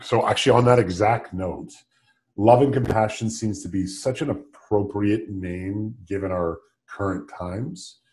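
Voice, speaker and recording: A man's voice: on the low side, a little slow, a little mellow. A man hosting a podcast, asking friendly, curious questions. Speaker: podcast host. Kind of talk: interview host.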